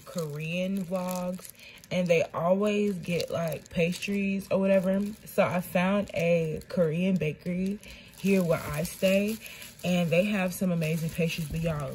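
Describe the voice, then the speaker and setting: In her bedroom at home, a young woman vlogs to a phone held out at arm's length, casual and full of slang. She speaks slowly in a steady, darkish voice on the low side, with slight background noise.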